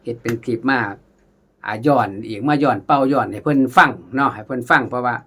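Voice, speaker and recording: A man with an Isan accent giving a casual khaen lesson, chatting warmly to viewers as brothers and sisters and sometimes singing melodies in syllables. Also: mid-range voice, fast, a little hiss or hum. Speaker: khaen teacher.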